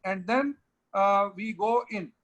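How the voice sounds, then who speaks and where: Representing the organizing body, a webinar host with an Indian English accent describes a virtual trade fair and gives a colleague directions, moving between English and Hindi. He speaks slowly in a high-pitched, somewhat bright voice, and the recording sounds muffled.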